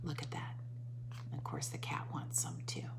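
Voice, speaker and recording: A woman teacher reads a picture book to young children on a noisy recording, stopping to explain and to coax answers through questions and repetition. Her deep voice is whispered, with vocal fry and little pitch movement, and she takes her time.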